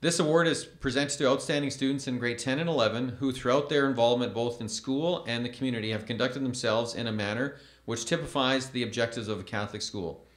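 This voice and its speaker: A formal man stands at a podium on a school event stage, announcing awards and reading names slowly in a measured way. His voice is medium-pitched and a bit bright, picked up by the podium microphone with reverberant sound.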